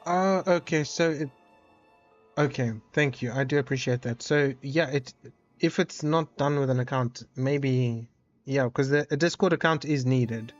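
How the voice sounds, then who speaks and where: A man live-streaming a game and chatting along as he plays, his talk rambling, stop-start and playfully dramatic. His voice sits at an ordinary middle pitch. The audio is a little dull and lo-fi, with faint game music underneath. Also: unhurried. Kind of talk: casual live-stream chat while gaming.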